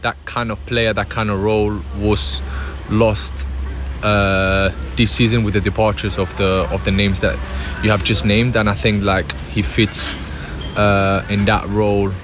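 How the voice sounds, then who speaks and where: Poolside and outdoors, a young footballer from Spain works through interview questions with frequent restarts and filler words. His voice is on the low side, unhurried, with little pitch movement. The background is noisy, with music playing behind him.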